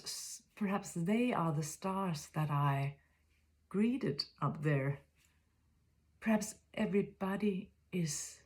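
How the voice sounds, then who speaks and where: In a soft, frequently whispery voice of fairly low pitch, a Danish woman in her fifties reflects aloud in a spiritual monologue. Her Danish accent is clear, and she pauses haltingly while she looks for the right words.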